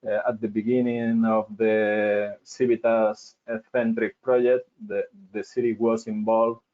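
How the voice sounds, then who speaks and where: A man's voice: lowish voice, little pitch movement. Man, crackly call cutting out. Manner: halting, many fillers and restarts. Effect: audio breaking up over a crackly call line. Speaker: city council presenter. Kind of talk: webinar presentation over a video call. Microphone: video call. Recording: tinny phone-like call audio cutting out.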